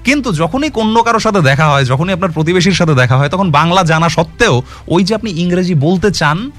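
A man with a fairly high voice argues his case in an earnest explanatory talk, his pitch rising and falling a great deal. He keeps asking rhetorical questions and mixes English words into his sentences. Soft music plays faintly under him. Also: expressive, a little fast. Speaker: commentator on language.

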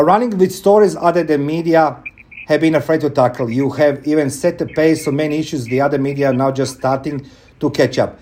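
Mellow-voiced male radio host. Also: on the high side. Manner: rambling, repeats words, filler-heavy. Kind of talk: radio talk show interview.

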